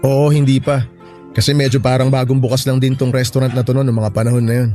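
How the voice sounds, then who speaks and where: Over a music bed, a man voices a sentimental, devoted boyfriend in an audio romance, fond and conversational. He speaks quickly in a mid-range, mellow, natural voice with little pitch movement.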